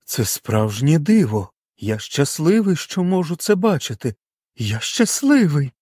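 A man voicing an earnest male doctor who speaks slowly and reverently in a storybook reading. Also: fairly high pitch, big pitch swings, darkish tone, slightly rough, dry recording, studio quality, pitched above the performer's own voice, exaggerated voice. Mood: awed.

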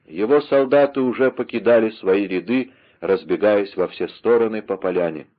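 A man narrating an adventure novel aloud in a dramatic, lively reading style, on a slightly dull recording. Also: on the low side, normal speed. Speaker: audiobook narrator. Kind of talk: scripted narration.

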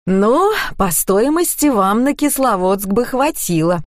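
A wry, amused man who teases with dry remarks, as a woman reader puts him on. He draws his words out slowly. The sound is dry and close. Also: medium pitch, expressive, no echo, pitched above the performer's own voice, lightly acted.

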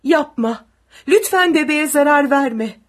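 A woman's voice: high-pitched, animated, slow pace, pitched above the performer's own voice. A woman acting a sobbing mother begging for mercy. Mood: tearful begging. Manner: tearful pleading.

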